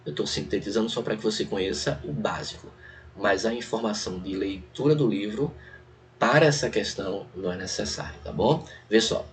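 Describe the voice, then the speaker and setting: Low-voiced Brazilian man teaching a class. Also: a little fast. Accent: Brazilian Portuguese. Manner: conversational, often checks in with the students; walks through a text on screen point by point. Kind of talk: online exam-prep lecture.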